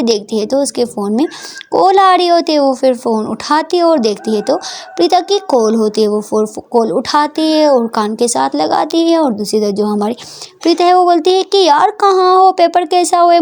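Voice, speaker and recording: A woman telling a serialized love story in a loose, conversational way, moving quickly from beat to beat. Her voice is naturally high. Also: darkish tone. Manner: quick, repetitive, conversational narration. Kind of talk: casual story narration.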